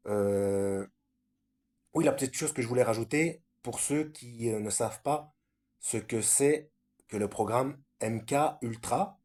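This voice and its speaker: Man, middle-pitched and husky, casual scripture video talk, halting delivery with many fillers and restarts. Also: darkish tone. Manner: hesitant, many fillers and self-corrections. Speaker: Bible study video maker.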